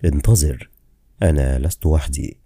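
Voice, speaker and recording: Guy doing the brusque buddy, deep husky voice, quick and clipped. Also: dark tone, no echo, studio quality, heavily acted.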